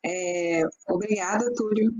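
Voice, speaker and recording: A woman's voice: mid-range voice, takes it slowly, a little mellow, breathy edge, rough recording. A woman with a Brazilian accent, a teacher, hosting and thanking a guest lecturer on a video call. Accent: Brazilian Portuguese. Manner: attentive, brief acknowledgements. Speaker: host, teacher.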